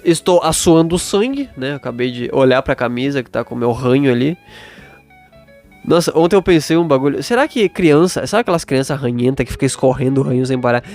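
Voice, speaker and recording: A man's voice: mid-range voice, fairly quick, a little mellow, faint music behind. A Brazilian man hosting a solo podcast in a casual, rambling monologue, blunt and self-doubting, sweary, with a sore throat and stuffy nose. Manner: acts out imagined dialogue mid-monologue.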